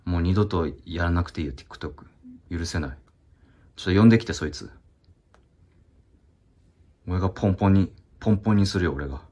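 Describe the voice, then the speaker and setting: Sketch role: actor as a very low, husky-voiced, hesitant office worker in his thirties. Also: brisk, long pauses, dark tone. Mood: meek. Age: 30s. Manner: hesitant, timid, awkward. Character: meek awkward salaryman in his thirties. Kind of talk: comedy sketch dialogue.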